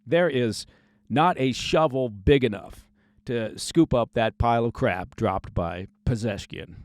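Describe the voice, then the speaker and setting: Male news host, mid pitch, scripted delivery, dry studio sound, sarcastic asides. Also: unhurried, no room sound.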